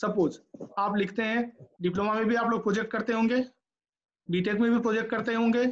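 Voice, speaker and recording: Man, middle-aged, classroom lecture, direct and coaching, acts out answers, high-pitched, dull lo-fi sound. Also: steady tone, brisk, a little hiss or hum. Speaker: lecturer giving interview tips. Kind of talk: classroom lecture in Hindi mixed with English. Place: classroom with students.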